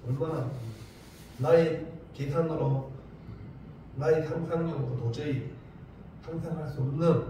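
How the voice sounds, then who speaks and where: A male pastor with a Gyeongsang Korean accent, preaching a lively sermon with rhetorical questions and humor. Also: fairly high pitch, a little hiss or hum. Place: church sanctuary. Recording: very echoey church from far off.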